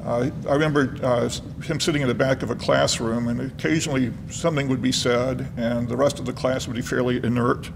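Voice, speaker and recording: A man delivering a eulogy as a professor, speaking and reading aloud in a solemn, measured manner with a gravelly voice. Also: little pitch movement. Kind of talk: eulogy speech, partly read aloud. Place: large reverberant hall. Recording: noisy, reverberant hall with low rumble.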